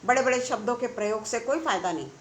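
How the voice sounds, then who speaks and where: A woman's voice: fairly high pitch, lively intonation, quick pace, echoey room, slight background noise. A woman preaching a conversational sermon, asking her listeners rhetorical questions. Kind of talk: online sermon.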